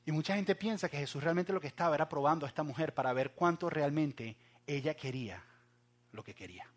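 A young man with a fairly high voice preaches a sermon. He moves from loud, urgent cries down to hushed asides, talking straight to his listeners. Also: lively intonation, brisk. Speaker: pastor.

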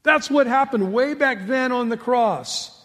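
A man preaching a sermon as pastor, emphatic, swinging between loud rhetorical questions and quiet asides. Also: extremely high pitch, unhurried, long reverb tail.

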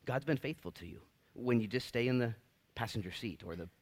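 A man's voice: mid-range voice, fairly quick. Casual, jokey preaching man. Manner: conversational, jokey, earnest. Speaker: pastor. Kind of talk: sermon. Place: church.

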